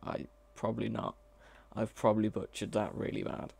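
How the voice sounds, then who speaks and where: With a lowish, gravelly, husky voice that's a little mellow, this streamer codes live at a moderate pace and fairly even intonation. He thinks aloud in a casual way, often hesitating and correcting himself as a mod developer.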